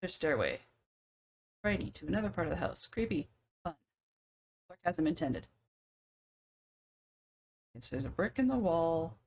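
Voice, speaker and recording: A woman's voice: deep voice, very animated, fast talker. A woman casually talking to herself as she works through a puzzle game on a live stream, with dry sarcastic asides.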